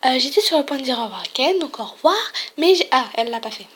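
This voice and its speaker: A woman's voice: sits high, lively intonation, quick pace, a little hiss or hum. Chatty young woman playing a game. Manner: chatty, reacts and reads aloud. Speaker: let's play gamer. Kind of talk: casual game commentary.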